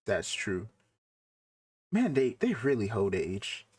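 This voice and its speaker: A man's voice: lowish voice, huge pitch swings, slow, a little mellow, breathy edge. A man co-hosting a casual podcast chat, teasing and incredulous as he talks. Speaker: podcast co-host.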